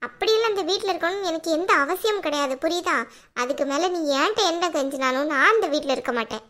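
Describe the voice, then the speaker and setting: A woman's voice: extremely high pitch, fast, a bit bright. A woman voicing a young wife in a cartoon who has grown fierce and talks back sharply and sarcastically. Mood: defiant. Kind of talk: cartoon voice acting.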